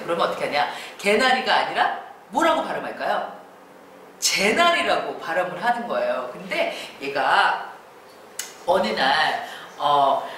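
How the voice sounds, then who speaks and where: A woman giving a lively creative-writing lecture, acting out quoted lines and laughing often. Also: medium pitch. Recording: echoey room from far off, faint noise.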